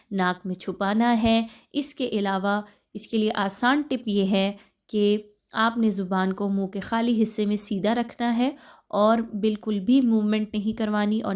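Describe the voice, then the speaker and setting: A woman's voice: medium pitch, darkish tone. A woman teaching tajweed, explaining pronunciation patiently and step by step. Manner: patient, explains pronunciation step by step, then recites slowly and drawn out. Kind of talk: tajweed lesson with slow recitation examples.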